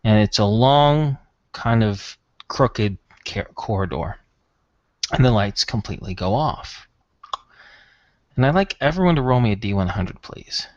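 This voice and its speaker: A man's voice: on the low side, animated, measured pace, no room sound, highs cut off. A man narrating a tabletop role-playing game as game master in a conversational, improvised way.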